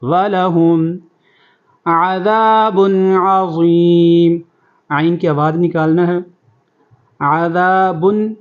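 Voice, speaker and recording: A man teaching Quran recitation, who recites verses slowly and in a drawn-out way, then explains the pronunciation rules quickly. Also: a little high, muffled recording. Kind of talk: tajweed lesson, recitation with explanation.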